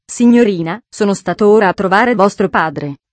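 A woman's voice: medium pitch, expressive, normal speed, no echo, close to an everyday voice. A woman reading a shy, earnest young suitor. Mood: earnest pleading. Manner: earnest, politely formal. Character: shy gentle young man in love.

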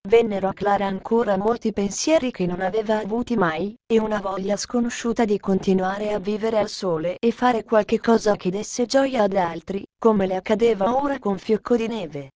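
A woman narrating a storybook with steady, measured reading. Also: mid-range voice.

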